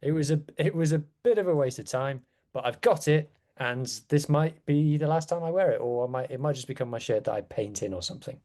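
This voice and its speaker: A man's voice: a little high, a little fast, few pauses, mellow. A man chatting casually as a rugby podcast guest, with wry, self-deprecating asides. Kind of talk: casual chat.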